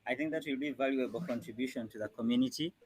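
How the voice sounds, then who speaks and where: A man's voice: mid-range voice, fast talker, darkish tone, husky, dry recording, low-quality recording. A man hosting a live youth call-in, hesitant with many fillers.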